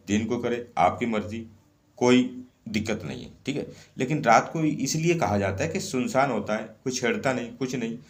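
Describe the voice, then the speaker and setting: Man, lowish voice, casual spoken instructions, repeats himself a lot. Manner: repetitive, often repeats phrases and adds "theek hai". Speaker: occult ritual instructor.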